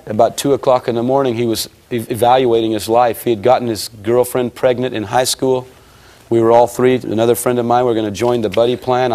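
An American man giving his testimony at a church service, telling a vivid story and acting out the dialogue. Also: mid-range voice. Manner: lively storyteller, acts out dialogue, grows excited.

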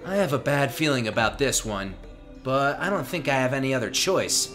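A man's voice: medium pitch, animated, moderate pace, music in the background, lightly acted. A man playing a skeptical teenage boy in a video game, talking in a casual, wry, grumbling way. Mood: wary, grumbling.

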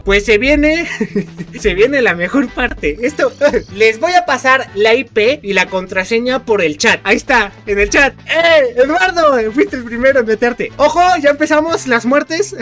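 High, lively male gaming YouTuber. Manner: excitable, chatty, laughs often. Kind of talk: casual gameplay commentary.

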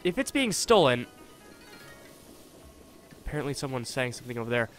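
A young man giving casual gameplay commentary, chatty and thinking aloud, with excitable reactions. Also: medium pitch, normal speed, faint music behind. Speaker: let's play host. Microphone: desktop USB condenser mic.

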